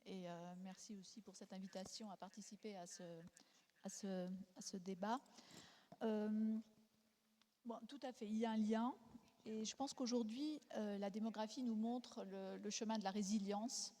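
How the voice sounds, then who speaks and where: Woman, foreign accent in French, mellow dark tone, hesitant panel speaker, long hall reverb. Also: mid-range voice, steady tone, normal speed. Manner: hesitant, searching for words with repeated restarts. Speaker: panel speaker, demography expert. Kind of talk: unscripted panel debate contribution.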